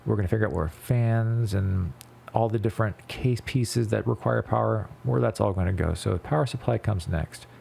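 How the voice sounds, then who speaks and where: A man's voice: on the low side, normal speed, vocal fry, warm tone, breathy edge. A man narrating a casual tutorial voice-over, conversational and laid-back, with a congested, blocked nose that he can't breathe through, as if packed with gauze. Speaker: video creator narrating a PC build.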